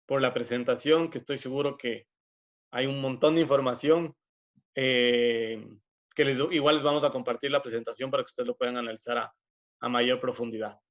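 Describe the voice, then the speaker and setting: A man's voice: medium pitch, steady tone, moderate pace. A man moderating an online workshop, speaking in a polite, organizing way over a video call. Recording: muffled lo-fi video call audio.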